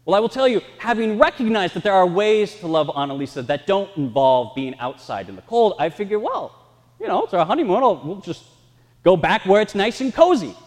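A man preaching a sermon, telling lively, self-mocking stories from the pulpit, his voice ringing with a cathedral-like echo in a large church. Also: high voice, brisk. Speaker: pastor. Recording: long reverb in a church hall.

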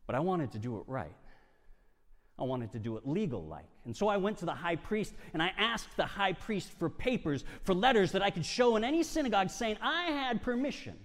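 A man performing a first-person dramatic monologue, swinging from hushed lines to loud bursts. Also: fairly high pitch. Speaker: storyteller. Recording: long hall reverb.

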